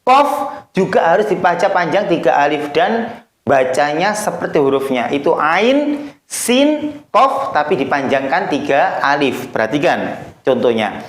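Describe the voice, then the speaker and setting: A man teaches a Quran reading lesson, speaking slowly and deliberately. His pitch sits a little high and swings widely as he stretches letters into long chanted examples. The room around him is echoey. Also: animated. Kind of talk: recorded recitation lesson.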